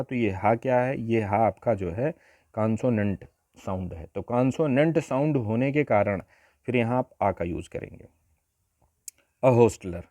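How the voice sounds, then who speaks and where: A man's voice: medium pitch, darkish tone, dry recording, studio quality. A man teaching an exam-prep grammar lesson, explaining step by step and often asking rhetorical questions.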